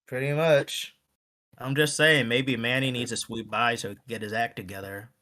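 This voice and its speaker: A man's voice: mid-range voice, moderate pace, slight background noise. A man co-hosting a casual podcast chat, talking animatedly and acting out what other people say. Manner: animated, acts out quoted voices. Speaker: podcast co-host.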